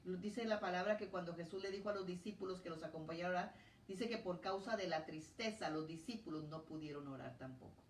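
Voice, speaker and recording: A woman's voice: on the low side, fast talker, slight background noise. A woman preaching a sermon in a church, telling her own testimony in an earnest, emotional way. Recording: echoey church hall from a distance.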